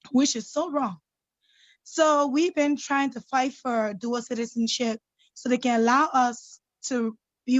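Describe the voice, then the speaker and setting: Woman on a video call, high voice, insistent, keeps saying right?, dull lo-fi audio. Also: dry recording. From Liberia. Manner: insistent, indignant, tags with "right?". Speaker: caller.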